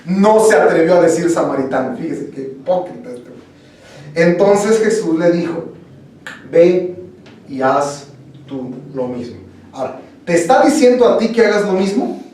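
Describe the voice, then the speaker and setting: A young man with a Mexican accent leads a sermon in a high, light voice, chatting and joking with his congregation and firing questions at them. He is heard from a distance in a church hall that rings with echo. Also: expressive, moderate pace, mellow. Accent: Mexican Spanish. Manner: conversational, joking, quizzes the congregation. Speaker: preacher. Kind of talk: interactive sermon. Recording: echoey room, voice from far off.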